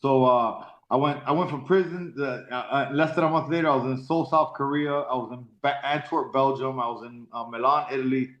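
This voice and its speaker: A professional fighter in his forties from Miami, Florida, tells stories candidly as an interview guest, halting, repeating words, and swearing casually. His voice is mid-range with a fairly bright tone. The recording sounds roomy, dull, and lo-fi.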